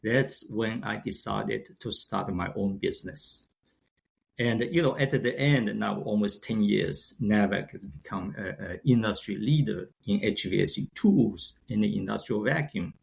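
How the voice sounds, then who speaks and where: A Chinese company founder in his sixties, whose first language is Shanghainese, speaks accented English as a guest in a casual interview. His fairly low, creaky voice comes out haltingly, full of restarts and fillers as he hunts for words.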